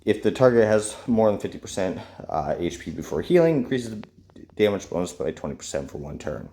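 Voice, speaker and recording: With his nose stuffed up from a cold, a man gives casual gameplay commentary, reading character skill text aloud and sizing it up with many fillers. His deep, dark voice swings widely in pitch, and he talks fairly quickly.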